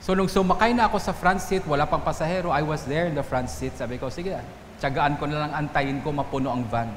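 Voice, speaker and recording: A man's voice: fairly high pitch, fairly quick, slight background noise. A man from the Philippines, a priest giving a Sunday homily, telling stories and quoting people in shifting voices. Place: church. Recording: echoey church hall, faint ambience.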